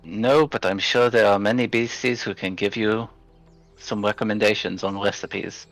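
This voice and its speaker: A man with a fairly low voice speaks in character at a tabletop game, answering in a dry, matter-of-fact way. Music runs quietly behind him. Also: fairly even intonation, normal speed, vocal fry, poor audio. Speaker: player. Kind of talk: casual in-character tabletop play.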